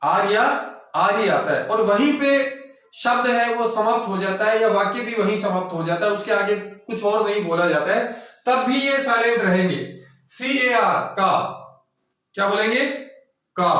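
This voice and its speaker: A high-pitched man teaching a pronunciation lesson, spelling out each word and asking the listener to repeat it. His voice rings with heavy echo, and he sounds some distance from the mic. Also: animated, normal speed, a bit bright. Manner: spells words letter by letter, repeats them, quizzes the listener. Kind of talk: classroom-style lesson. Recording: very echoey room, voice far from the mic.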